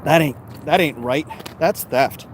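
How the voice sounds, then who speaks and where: An American man whose voice is a little high and a little slow speaks off the cuff on a live stream, reading and answering viewer comments. He's outdoors in his backyard, and his manner is casual, opinionated and emphatic, like a vlogger talking to viewers. Traffic and noisy city ambience are audible.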